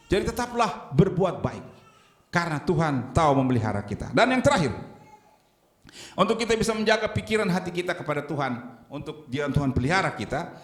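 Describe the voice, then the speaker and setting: A male pastor delivers a sermon in a high, very lively voice, leaning hard on some phrases and dropping low on others. The sound carries a roomy church echo around him. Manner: lively preaching, swinging between loud emphatic lines and low quiet ones. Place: church sanctuary.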